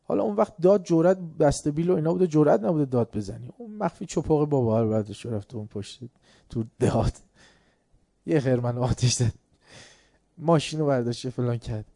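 Animated male lecturer telling stories. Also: a little high, creaky, dry recording, studio quality. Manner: storytelling, acts out dialogue, grows emphatic. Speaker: religious lecturer. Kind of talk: lecture with anecdotes.

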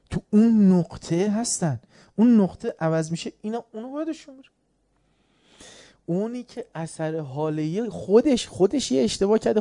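A man's voice: on the high side, creaky, dark tone, dry recording, clean studio sound. A man giving a religious lecture, telling anecdotes and acting out the dialogue, growing emphatic as he makes his points. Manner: storytelling, acts out dialogue, grows emphatic.

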